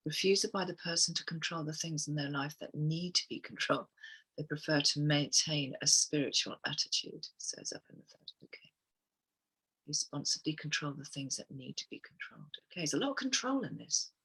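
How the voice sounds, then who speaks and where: Bright, husky-voiced woman. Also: low voice, animated, a little fast, rough recording. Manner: soft-spoken, musing, often murmuring "okay" between readings. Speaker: wellness guest speaker. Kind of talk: reading chakra statements and guiding affirmations on a group call.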